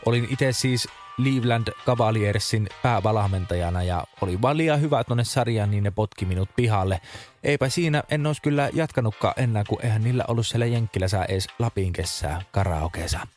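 Deadpan man hosting comic radio. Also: lowish voice, faint music behind. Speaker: radio show host.

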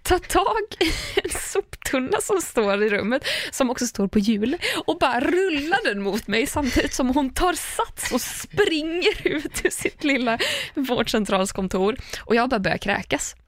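A woman's voice: high voice, big pitch swings, few pauses, no room sound. A woman telling a personal story in casual chat, laughing often, swearing casually and acting out what others said.

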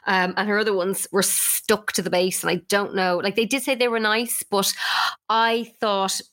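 A woman co-hosting a podcast in a relaxed, chatty way. She talks at a mid pitch and tells her story with lively turns. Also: moderate pace. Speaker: podcast co-host. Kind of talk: casual chat.

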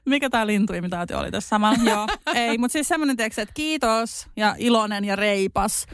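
A woman's voice: fairly high pitch, clean tone, dry recording. Young woman on a podcast, chatty, acts out little quotes as she tells stories, dry close sound. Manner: lively storyteller acting out quotes. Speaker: podcast co-host. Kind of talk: casual chat.

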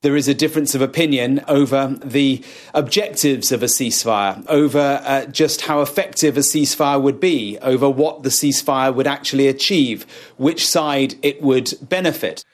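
A man explaining deliberately as a news correspondent in a report. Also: mid-range voice.

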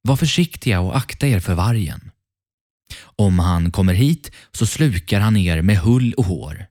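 A man voicing a caring mother goat who gently warns her young ones. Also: sits low, lively intonation. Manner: gentle, warning.

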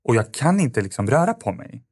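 A man's voice: mid-range voice, sing-song, a little mellow, husky, no room sound, clean studio sound. A man, a podcast guest, telling a personal story in a casual, rambling way with lots of fillers and restarts.

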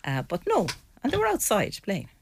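A woman's voice: medium pitch, huge pitch swings, moderate pace, creaky, husky. An older woman with a west of Ireland accent, talking casually and bluntly as a guest on a panel discussion. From Mayo, west of Ireland.

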